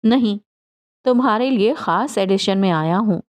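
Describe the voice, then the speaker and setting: A woman voicing a playful young man who jokes gently with his tearful fiancée in an audiobook. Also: medium pitch, lively intonation, natural voice. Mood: teasing. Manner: gentle joking banter.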